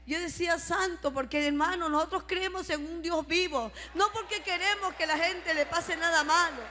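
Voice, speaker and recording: A woman giving a fervent religious testimony, often breaking into shouts of praise. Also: very high-pitched, moderate pace, big-room sound, some chatter behind. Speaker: church member giving testimony.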